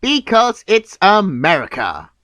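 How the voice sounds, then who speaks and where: A man giving scripted, nitpicking video commentary in a deadpan, sarcastic manner. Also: high voice, slow, soft background music. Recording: clear background noise.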